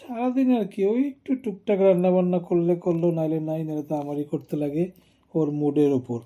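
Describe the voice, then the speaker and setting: A man playing a self-pitying, overworked son-in-law in a scripted comic phone skit, whining in a low, muffled voice. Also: fairly even intonation, normal speed, dark tone, natural voice. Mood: complaining. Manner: whiny, complaining, lowered voice.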